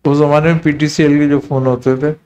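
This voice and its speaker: A man, a spiritual teacher, telling a story in a relaxed conversational talk and acting out the quoted dialogue. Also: a little high, lo-fi sound. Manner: unhurried, recounting with quoted dialogue.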